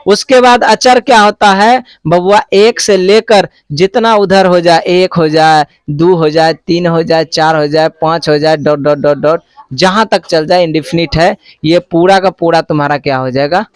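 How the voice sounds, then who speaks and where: A man's voice: a little high, steady tone, normal speed, clear, resonant tone, dry recording, studio quality. A male teacher, giving a classroom math lesson and quizzing students with repeated questions. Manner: call-and-response questioning, repeats answers.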